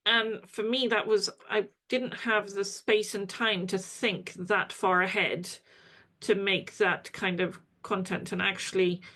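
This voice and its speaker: A woman speaks as a guest in a relaxed interview, thinking out loud and quoting herself as she tells stories. Her pitch is ordinary for a woman. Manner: reflective, candid, tells stories with quoted asides. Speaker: kinesiology practitioner, guest. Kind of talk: conversational interview.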